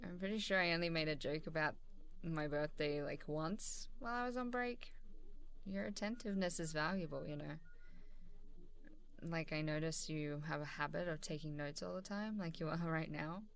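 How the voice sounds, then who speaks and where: A deep female voice with vocal fry moves at a moderate pace as she plays an easygoing, warm boss offering a praising review. The ASMR role-play is softly conversational and one-sided, and she sounds fond and amused, casually encouraging, chuckling hesitantly between phrases.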